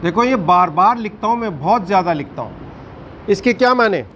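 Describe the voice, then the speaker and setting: A man teaching a Quran recitation class, firm and questioning, drawing out recited words slowly. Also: sits high, animated, a bit bright, lo-fi sound, slight background noise. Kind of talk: classroom tajweed lesson.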